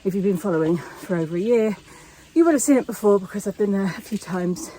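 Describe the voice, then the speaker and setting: A woman's voice: mid-range voice, fast talker, warm tone, slight background noise, low-quality recording. A woman talking casually to camera in a vlog while climbing mountain steps outdoors, out of breath. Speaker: vlogger.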